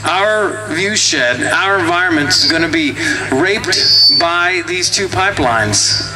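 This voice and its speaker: A man's voice: sits high, big pitch swings, slow, loud music behind the voice, poor audio. A man giving an informal political rally speech, conversational yet emphatic.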